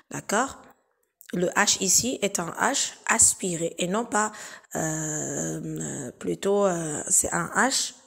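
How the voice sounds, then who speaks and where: In a recorded lesson, a woman teacher with a lowish voice explains exam exercises. She is hesitant and full of filler pauses, patiently repeating each example slowly.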